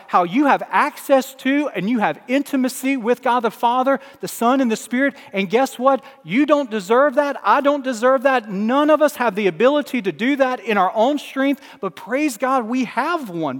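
A man's voice: extremely high pitch, animated, moderate pace, hardly any pauses, big-room sound. A man from Alabama, a pastor, preaching a sermon with emphatic swells and drops in volume.

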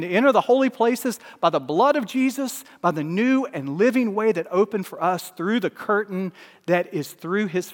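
A man's voice: high-pitched, big-room sound. A man from Alabama, a pastor, preaching a sermon with emphatic swells and drops in volume.

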